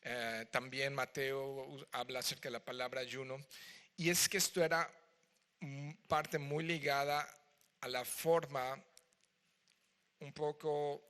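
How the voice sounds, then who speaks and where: Male pastor, Mexican Spanish accent, mid-pitched, bright tone, animated sermon in a reverberant hall. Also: slow, long pauses, clear, resonant tone. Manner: expressive, acts out Bible voices, chatty asides to the congregation. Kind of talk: verse-by-verse sermon. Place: church hall.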